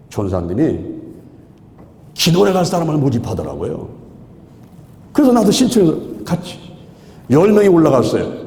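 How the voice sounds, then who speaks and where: A man in his sixties preaching, telling his story with lively, exclamatory repeats. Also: medium pitch. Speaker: pastor. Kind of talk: sermon testimony. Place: large hall at a prayer retreat. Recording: echoey hall with long reverb.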